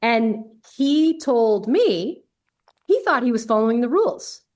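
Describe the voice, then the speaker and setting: A woman's voice: a little high, animated, unhurried, a little mellow. A woman guest on a podcast, telling a story casually and candidly, with lots of "like". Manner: chatty, candid, peppered with "like".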